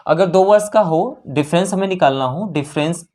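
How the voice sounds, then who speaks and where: Speaking fairly quickly in a medium-pitched, darkish voice, a maths teacher solves exam practice problems one step at a time. Numbers get repeated, "theek hai" is used to check in with the listener, and English terms are mixed in.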